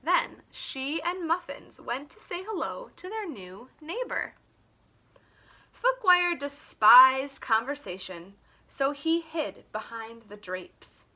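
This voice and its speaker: A female teacher reads a picture book aloud in an expressive children's-story style. Her delivery is slow and deliberate, animated and teacherly, with highly varied intonation.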